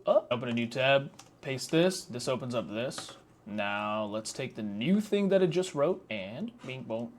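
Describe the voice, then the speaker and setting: A man's voice: mid-range voice, slight background noise. A young man hosting a casual screen-recorded tutorial, talking through each step in a chatty, slangy way with self-mocking asides. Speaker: tech tutorial host.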